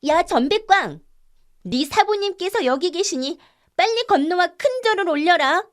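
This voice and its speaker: A woman's voice: very high voice, animated, normal speed, voice pushed up. A woman playing a cheeky teasing young girl. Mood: bold shouting. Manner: ringing, cheeky, commanding shouts. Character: bold mischievous young girl, teasing and sharp-tongued. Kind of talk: audiobook character reading.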